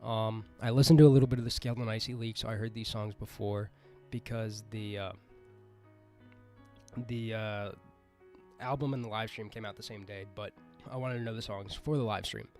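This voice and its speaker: A young man telling a rambling, excitable story in a casual vlog, swearing and mocking himself. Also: on the low side, normal speed, soft background music. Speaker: storytime vlogger.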